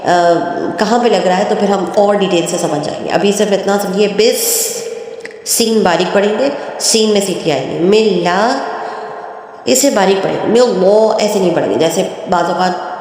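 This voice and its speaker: A woman's voice: mid-range voice, darkish tone. Woman teacher in an echoing hall. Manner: patient, explains slowly and repeats each letter in a drawn-out chant. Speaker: Quran reading teacher. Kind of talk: step-by-step recitation lesson. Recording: very echoey room with long reverb.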